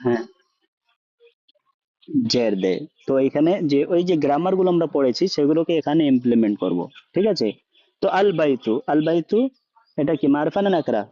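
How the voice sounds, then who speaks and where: A man's voice: fairly high pitch, animated, brisk, pauses often, dark tone, no echo. A man teaching a language class, asking students questions and often checking that they follow, mixing English words into his speech. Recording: dull lo-fi sound.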